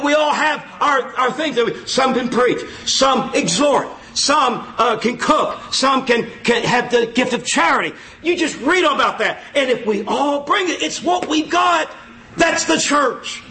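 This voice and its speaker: A man with a very high voice preaches informally in church, poking fun at himself in a folksy manner. He keeps repeating phrases and bursts into loud exclamations.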